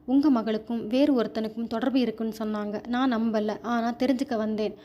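A woman's voice: fairly high pitch, steady tone, a little fast, muffled recording, lightly acted. A woman voicing a smug, scheming young man in a storybook reading, cool and taunting.

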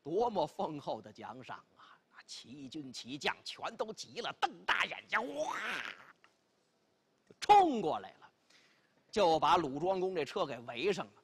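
A middle-aged man tells a tale in theatrical traditional storytelling style. His high, husky voice is emphatic and dramatic, swinging widely in pitch. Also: big pitch swings, moderate pace. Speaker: pingshu storyteller. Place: television studio stage.

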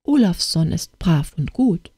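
A woman's voice: on the low side, very animated, unhurried, dark tone, breathy edge, no room sound, clean studio sound, full character voice. A woman voicing a stern old father in an audiobook tale, speaking in a reproachful, urging way.

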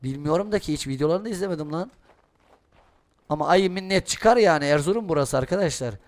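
Excitable high-voiced young gaming streamer. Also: male voice, fast. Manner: excitable, swears and shouts at the game. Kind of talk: Let's Play commentary. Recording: noisy gameplay audio behind voice. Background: game sounds and ambience.

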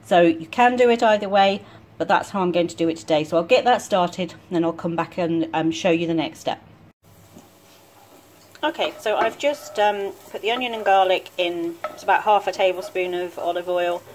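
A woman talking casually through each step of a home cooking demonstration in a relaxed, chatty way. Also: fairly low pitch, moderate pace, a little hiss or hum. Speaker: home cook vlogger. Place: home kitchen.

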